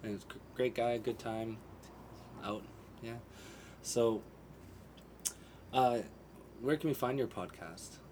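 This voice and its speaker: A man's voice: medium pitch, takes it slowly, pauses often, darkish tone, slight background noise. A man hosting a podcast, asking short questions in a laid-back, casual interview. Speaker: podcast host.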